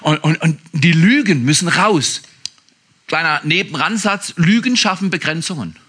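A man preaching as a pastor keeps things conversational, questioning his listeners directly and moving between loud emphasis and soft asides. His husky voice is a little high, with lively intonation and a moderate pace.

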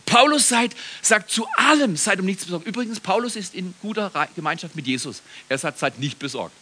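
A middle-aged man preaching a sermon to a congregation, animated, swinging between loud appeals and hushed passages, often asking the listeners questions. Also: sits high, brisk, breathy edge. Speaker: pastor. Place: church service before a live congregation.

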